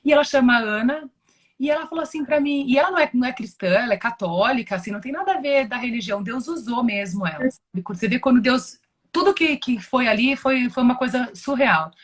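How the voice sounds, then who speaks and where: High-voiced Brazilian woman, earnest testimony. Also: expressive, fast talker. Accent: Brazilian Portuguese. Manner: earnest, emotional, many restarts and repeated words. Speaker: guest giving a religious testimony. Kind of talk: personal testimony, conversational.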